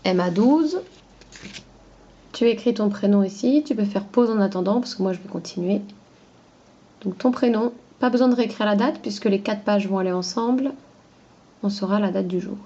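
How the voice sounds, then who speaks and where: A woman teacher talking slowly and patiently to young children, spelling out each word syllable by syllable. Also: medium pitch, dark tone, highs cut off.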